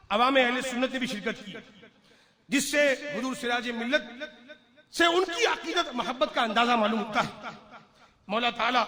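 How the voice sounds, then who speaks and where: A man preaching with a very high, ringing voice, his fervent oratory rising and falling in force. A gathered crowd murmurs clearly behind him throughout the live address. He sounds like a cleric giving a sermon at a religious gathering. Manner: fervent oratory, swinging from hushed storytelling to shouted declarations. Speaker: Islamic preacher.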